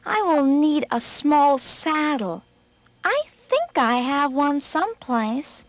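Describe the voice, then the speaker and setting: A woman's voice: high-pitched, big pitch swings, slow pace, no room sound, voice pushed up, heavily acted. A woman voicing a tricky, boastful male rabbit in a storybook reading, who fakes a weak, sickly voice. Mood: fussy.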